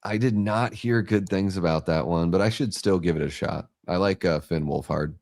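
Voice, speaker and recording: A man from Southeast Alaska co-hosts a relaxed livestream in a very low voice. He chats with viewers and drops teasing jokes between the host's comments. The sound is dry and close. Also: moderate pace, creaky, no echo. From Southeast Alaska, USA. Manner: jokey interjections and teasing asides. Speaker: livestream co-host. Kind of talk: casual livestream chat.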